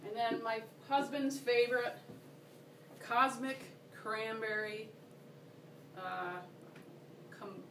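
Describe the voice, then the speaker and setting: A woman presenting a workshop speaks slowly with long pauses, her fairly high, fairly bright voice keeping a fairly even intonation. She's casual and enthusiastic, chatting and checking in with listeners. The recording comes from a workshop room and sounds roomy, distant and noisy.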